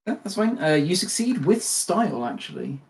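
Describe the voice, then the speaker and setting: A game master narrating a tabletop role-playing game in a chatty way, with many fillers and quick self-corrections. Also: medium pitch, big pitch swings, a little mellow.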